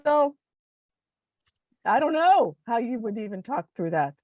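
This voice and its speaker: A woman's voice: a little high, unhurried, no echo. A woman talking casually in a group conversation, telling stories with lots of giggling. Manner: giggly, animated storytelling. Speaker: guest.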